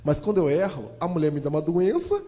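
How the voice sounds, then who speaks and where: A man, telling a humorous story to an audience in an animated, fast-talking way. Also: on the high side. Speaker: motivational storyteller. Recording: long hall reverb.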